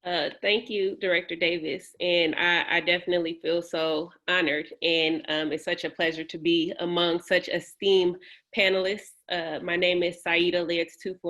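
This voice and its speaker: A woman's voice: lowish voice, flat delivery, moderate pace, a bit bright. Earnest woman panelist on a video call. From San Francisco.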